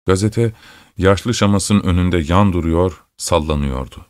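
A man reading a literary story aloud in steady, measured scripted narration. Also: low-pitched, no room sound, clean studio sound. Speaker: audiobook reader.

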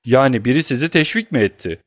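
A man's voice: medium pitch, animated, quick pace, no room sound, clean studio sound, pitched above the performer's own voice, natural voice. A man voicing a cold, menacing young nobleman. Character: young nobleman, cold, grimly furious, challenging. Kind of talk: audiobook character reading.

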